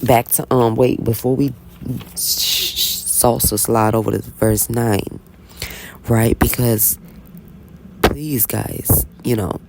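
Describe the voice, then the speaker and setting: A Bible reading vlogger with a rumbling low, creaky voice tells a story slowly and casually. She's chatty, animated, blunt and unapologetic, constantly checking in with "right?", over slight background noise.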